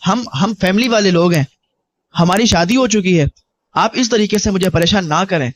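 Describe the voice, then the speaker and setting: A man's voice: sits high, lightly acted. A man voicing a frightened young married woman begging a caller on the phone to stop ringing. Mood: pleading. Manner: pleading, anxious.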